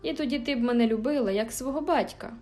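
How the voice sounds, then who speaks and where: A woman's voice: on the high side, fast, dark tone, natural voice. Woman doing a whiny, sickly teenage boy. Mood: wheedling. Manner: whiny, petulant, taunting. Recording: faint background music.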